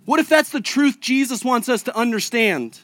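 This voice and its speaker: A man's voice: very high-pitched, lively intonation, moderate pace, fairly bright tone, dry recording. A male pastor preaching a conversational sermon, full of rhetorical questions to the congregation. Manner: chats casually with a child mid-sermon.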